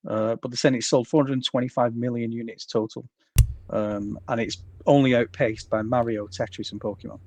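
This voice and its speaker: A man's voice: mid-range voice, fairly even intonation, normal speed, darkish tone, a little hiss or hum. A man with a European accent co-hosting a podcast, reading out figures hesitantly with fillers. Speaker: podcast co-host. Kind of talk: casual chat.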